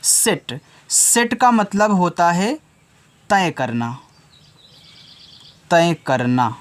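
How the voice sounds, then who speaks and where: Speaking in a high, sing-song voice, an English teacher leads a patient phonics lesson for kids at a slow pace. He addresses them as children and spells every word one letter at a time.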